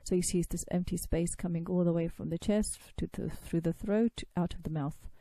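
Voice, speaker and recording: A woman's voice: on the low side, fairly even intonation, a little fast, mellow, no room sound. A woman giving a recorded lesson on pronouncing sacred recitation, patiently explaining and demonstrating sounds by drawing out long vowels. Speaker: tajweed teacher.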